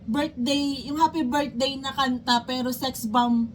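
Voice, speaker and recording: A woman's voice: high voice, steady tone, unhurried, a little hiss or hum. A young woman with a Filipino accent, chatting casually and gushing as she hosts a video reacting to a performance. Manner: chatty, gushing, exclaims loudly. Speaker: reaction channel host. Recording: loud music playing behind.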